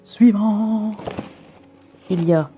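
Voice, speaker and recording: A woman's voice: mid-range voice, extremely slow, warm tone, muffled recording, soft background music. A young woman vlogging an unboxing at home into a camera mic, chatty and rambling with self-mocking asides. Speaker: vlogger unboxing a subscription box. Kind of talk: casual unboxing chat.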